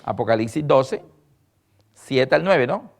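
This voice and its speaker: A man preaching a sermon on prophecy, animated and acting out the voices he quotes. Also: mid-range voice, slow pace, vocal fry. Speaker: lecturer on prophecy.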